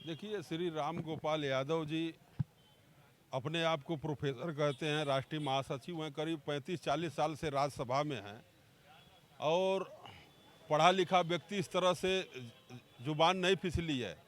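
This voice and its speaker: A man on a debate panel who starts measured and builds to a firm accusation. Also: fairly high pitch.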